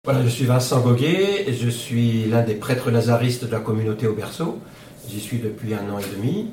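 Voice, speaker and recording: A priest introducing himself and his past mission work in a radio interview, speaking calmly and steadily. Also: mid-range voice, normal speed. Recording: echoey room, distant mic, noisy.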